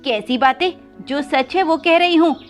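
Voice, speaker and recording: A woman's voice: high voice, moderate pace, faint music behind, pitched above the performer's own voice, lightly acted. A woman voicing a greedy, scheming female crow who talks harshly and dismissively. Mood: scornful.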